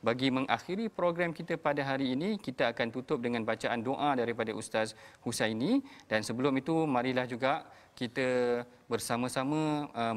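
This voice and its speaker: A man hosting a religious TV program, explaining calmly and addressing the viewers directly. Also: mid-range voice, big-room sound. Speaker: host.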